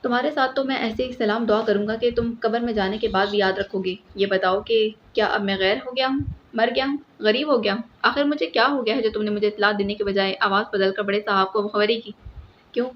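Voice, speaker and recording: A woman's voice: fairly high pitch, fairly even intonation, natural voice. Woman reading as a hot-headed police superintendent guy, scolding, faint hiss in the background. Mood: angry. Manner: angry scolding tone. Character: hot-tempered male police superintendent, blustering. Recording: slightly muffled with faint hiss.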